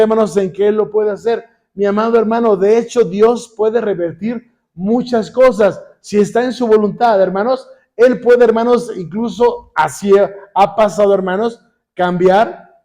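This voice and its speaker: High-voiced Mexican preacher calling out "hermanos". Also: male voice. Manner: says "hermanos" constantly, asks the congregation questions; warm, joking asides. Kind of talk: sermon.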